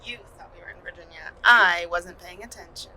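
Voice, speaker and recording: A woman's voice: on the low side, a little fast, bright, forceful tone, low-quality recording. A young woman co-hosting a casual father-daughter podcast, telling a road trip story in a chatty, joking way. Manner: chatty, playful, jokey storytelling. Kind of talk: casual chat.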